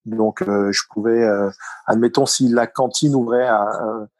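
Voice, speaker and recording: A man's voice: mid-range voice, steady tone, a little slow, a little mellow, dry recording, poor audio. A middle-aged man with a Parisian accent, telling his story as an interview guest, hesitant with many fillers and restarts. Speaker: guest, former top-level athlete. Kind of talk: conversational interview.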